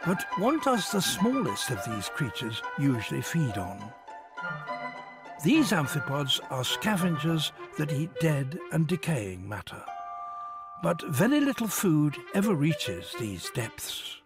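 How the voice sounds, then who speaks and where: A man's voice: on the high side, big pitch swings, takes it slowly. A man reading scripted narration for a nature documentary as its narrator. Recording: music behind the voice. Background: background music.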